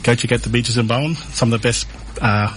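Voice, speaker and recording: A relaxed Australian man from North Queensland talks as a radio guest, mid-pitched and easygoing with fillers. A faint hiss of noise sits behind the studio mic. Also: fast talker, poor audio. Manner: relaxed, laughs easily, uses fillers. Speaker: mental health service coordinator, guest. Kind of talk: radio interview.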